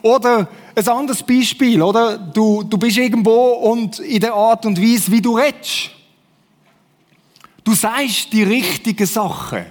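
A man's voice: high-pitched, a little slow, in a large hall. A man with a Swiss German accent preaching a sermon, who acts out fake enthusiasm in playful voices. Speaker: pastor.

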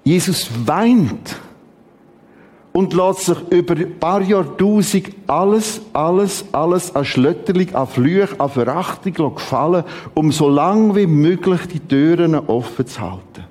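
A man with a Swiss German accent preaching a sermon at a church service, emphatic, with dramatic swings in pitch and repeated words for stress. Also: expressive, measured pace, darkish tone.

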